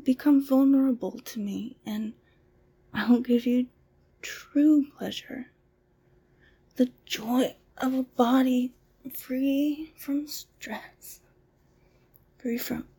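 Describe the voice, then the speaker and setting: A woman doing an ASMR roleplay as a masseuse, talking in a soft, soothing, mostly whispered, breathy voice. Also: high-pitched.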